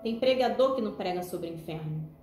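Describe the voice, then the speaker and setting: A woman's voice: mid-range voice, expressive, fairly quick, darkish tone, faint music behind. Chatty woman, roomy echo. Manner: conversational, many tag questions. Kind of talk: spiritual film analysis.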